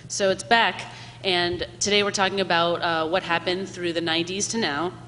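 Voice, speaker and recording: Woman panel host, lowish voice, long hall reverb, faint room hum. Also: level tone, normal speed, a bit bright. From Miami. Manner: friendly, chatty, explanatory. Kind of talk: live panel talk. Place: museum event hall before an audience.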